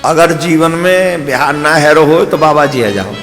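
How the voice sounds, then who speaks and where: A man's voice: fairly high pitch, a little slow, a bit bright. A man with a Braj-tinged Hindi accent telling a devotional story as a sermon, adding playful asides to the listeners. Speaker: spiritual preacher. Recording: long hall reverb with faint music.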